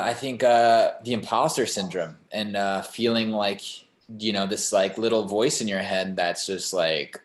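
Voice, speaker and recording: A young man talking casually as an interview guest, rambling, with many "like" and "you know" fillers. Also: fairly low pitch. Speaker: singer-songwriter guest. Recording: roomy echo.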